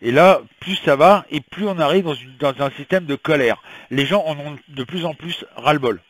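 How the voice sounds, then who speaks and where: A man's voice: fairly high pitch, moderate pace, dry recording. A man from France reading tarot in a casual weekly prediction vlog, chatting and rambling with many fillers while fighting a slight cold. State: has a slight cold, coughing. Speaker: tarot reader.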